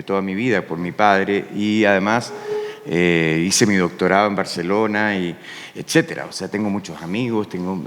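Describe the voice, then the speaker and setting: Chilean man, low gravelly voice, musing panel talk, long hall reverb. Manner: reflective, musing, with frequent rhetorical "¿no?". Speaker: poet.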